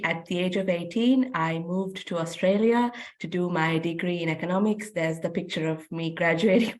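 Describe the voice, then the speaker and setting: A woman from Sri Lanka with a somewhat low voice speaks as a webinar guest, telling her story in a composed, prepared way with only light fillers. She is heard through a video-call mic. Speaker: guest speaker, policy advisor. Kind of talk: prepared personal talk. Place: home at night.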